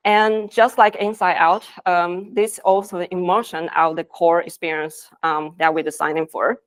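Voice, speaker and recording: Speaking at a moderate pace with a flat delivery, this lowish-voiced Taiwanese woman gives an earnest conference talk in non-native phrasing. She is a design lead addressing the audience from the stage.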